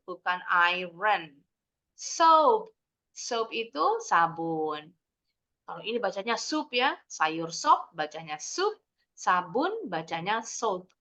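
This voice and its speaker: A young Indonesian woman teaching English to children in a video call, explaining with lively, sing-song questions. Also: mid-range voice. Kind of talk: online kids' English lesson. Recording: dull lo-fi video call audio.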